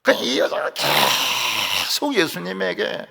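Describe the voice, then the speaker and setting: A male pastor with a Gyeongsang accent delivers a sermon from the pulpit. His voice is husky and gravelly and sits a bit high, and his pitch leaps around as he acts out the voices in his stories. A long reverb from the church hall trails every phrase. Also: a little slow. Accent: Gyeongsang Korean. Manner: animated storytelling, acting out quoted voices. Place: church sanctuary.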